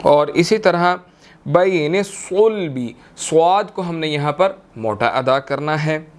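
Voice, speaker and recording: A man teaching Quran recitation rules step by step, patiently repeating each verse slowly. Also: a little high, animated. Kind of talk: slow step-by-step recitation lesson.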